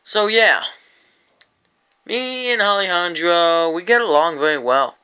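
A man's voice: high-pitched, animated, a little slow, sharp tone, smooth. A man telling a rambling, profane story-time tale to his vlog audience, often breaking into laughter. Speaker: vlogger.

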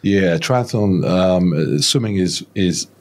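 In a laid-back podcast interview, a man about fifty tells his story slowly, his deep, darkish voice carrying lively intonation. He rambles, restarts a lot, and is self-deprecating. He records indoors in a home studio on a video call, with headphones and a close studio mic.

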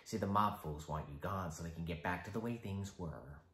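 A man impersonating a film's taunting, unhinged criminal clown villain, mocking, with deliberate pauses and sudden high swoops. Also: a bit bright. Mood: menacing. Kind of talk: film character impersonation. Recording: roomy echo.

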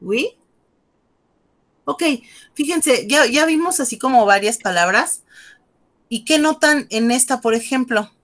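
A woman's voice: high-pitched, expressive, measured pace, long pauses, fairly bright tone. Friendly teacher woman. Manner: friendly, coaxing, switches between Spanish and French. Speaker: French teacher. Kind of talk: online class teaching. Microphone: video call.

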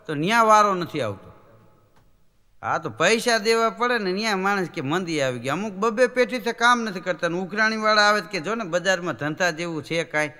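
On stage, a stand-up comedian with a slightly high voice tells comic Gujarati folk stories live, the sound trailing off in long reverb. He's animated and switches voices as he acts out each character's lines.

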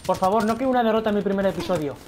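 A young man with a Spanish accent from Spain, commenting excitedly on a shooter game he is playing, swearing often and talking to his viewers. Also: high voice, rapid-fire, a little hiss or hum. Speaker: gaming youtuber. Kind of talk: gameplay commentary. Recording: loud game gunfire behind.

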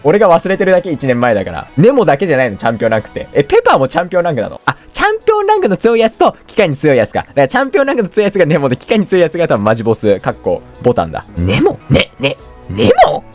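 A man's voice: on the high side, wildly swooping pitch, very fast, hardly any pauses. A man giving joking, chatty commentary while playing a video game, often correcting himself. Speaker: let's play gamer. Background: faint game music.

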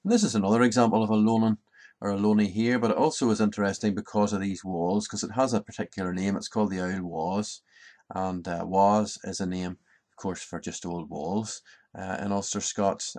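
A man in his fifties with a County Antrim, Northern Irish accent, explaining things informally in a measured way, often pausing mid-sentence. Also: low-pitched, darkish tone. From Ballycarry, County Antrim, Northern Ireland. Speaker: presenter explaining local language and place names. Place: small book-lined study, indoors.

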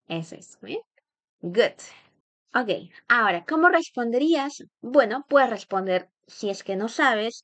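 Slow, patient woman teaching English. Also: a little high, fairly bright tone, no echo. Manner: patient, repeats phrases slowly and praises the learner. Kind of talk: bilingual language lesson.

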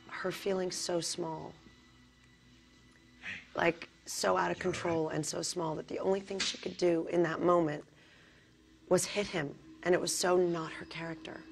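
Woman, hoarse, gravelly, slightly low voice, earnest, animated, interview guest. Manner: earnest, animated storytelling with frequent ums. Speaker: actress being interviewed. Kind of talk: casual interview talk.

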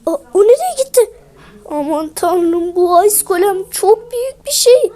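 High-pitched excitable woman storyteller. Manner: excitable, quick, stammers when startled. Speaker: video creator narrating and voicing a game story. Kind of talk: playful game-video storytelling.

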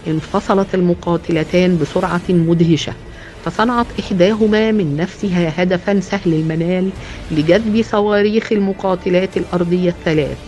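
A woman narrating a science fiction audio novel in a steady, dramatic reading style. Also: fairly low pitch. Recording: dull lo-fi with background music.

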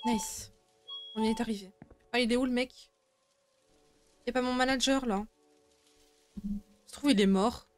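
A woman's voice: a little high, normal speed, pauses often. A young woman streaming a horror game with casual commentary, jumpy and grumbling to herself as she plays, swearing freely. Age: young adult. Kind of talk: casual let's play commentary. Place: indoor room at home. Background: game music and rain sounds.

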